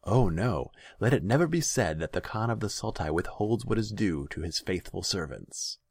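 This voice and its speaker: A man's voice: lowish voice, animated, normal speed, darkish tone, slightly rough, no echo, studio quality, voice pushed up. A man voicing a cruel, theatrical male khan who sneers and commands. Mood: mockingly gracious.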